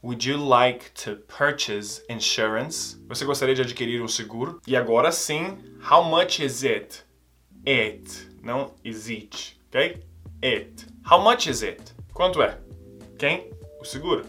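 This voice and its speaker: A man with a Brazilian accent teaches English. His voice is bright and forward, and faint music plays behind him. He says each phrase slowly, then explains it quickly in Portuguese. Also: medium pitch, animated.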